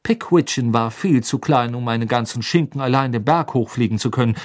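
A man narrating an audiobook in calm, even storytelling. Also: medium pitch, fairly quick.

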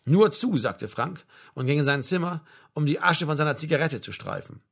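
A man narrating a literary novel in a wry, measured manner. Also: fairly high pitch, animated, creaky, fairly bright tone, husky. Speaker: audiobook narrator.

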